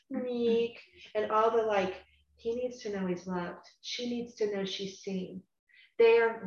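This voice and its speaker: A woman hosting a casual faith discussion, earnest and animated, rambling and at times dropping to a quiet tone. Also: mid-range voice. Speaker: Bible study host. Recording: echoey room, muffled lo-fi sound.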